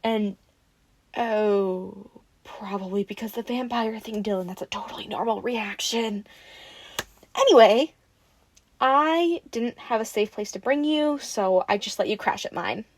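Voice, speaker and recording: In an audio roleplay, a woman voices a friendly, excitable young woman who rambles casually and turns playfully defensive. Her voice sits in the mid range and moves at an unhurried pace, with a teasing, friendly mood.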